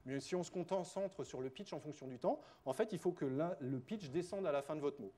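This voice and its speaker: A man's voice: fairly high pitch, fairly quick, dark tone. A man giving a spontaneous conference lecture as a researcher, chatty, with frequent fillers, self-corrections and wry joking asides.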